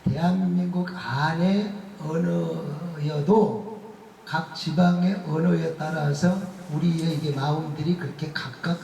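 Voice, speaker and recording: A man's voice: on the high side, vocal fry, a little hiss or hum. A male pastor preaching a revival sermon, telling stories with humor and laughter. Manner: humorous, animated storytelling with laughter. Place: church sanctuary. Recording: echoey church hall, voice from far off.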